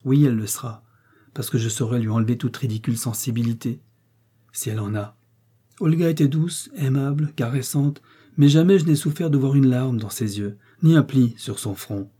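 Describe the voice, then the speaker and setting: Domineering prince voiced by a man, cutting ironic tone, dark tone, storybook reading. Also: medium pitch, moderate pace, breathy edge, close to an everyday voice. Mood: cold, commanding. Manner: commanding, cutting and sarcastic. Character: haughty domineering male prince, coldly ironic.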